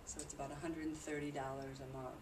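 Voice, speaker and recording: Reporting on a charity trip, a woman talks fast in a low, level voice, explaining things conversationally to a group in an informal presentation. The sound comes from a distant mic in a noisy room full of echo.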